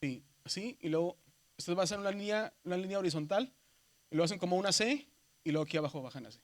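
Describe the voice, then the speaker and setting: A man teaches a classroom of seminary students. He walks them slowly through the Greek alphabet, checking in with them again and again and naming each letter aloud. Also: high voice, lively intonation. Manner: patient, repeats "¿verdad?" and spells letters aloud; addresses students as brothers. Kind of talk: classroom lesson.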